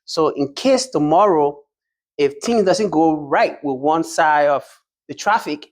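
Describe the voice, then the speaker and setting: A man's voice: a little high, lively intonation, a little slow. A man from Liberia answering interview questions as a truck driving school graduate, hesitant, with many fillers and restarts.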